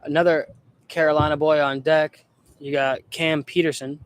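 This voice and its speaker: A young man calling amateur baseball play-by-play in a relaxed, chatty way, often correcting himself. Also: a little high, normal speed, smooth. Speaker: play-by-play announcer.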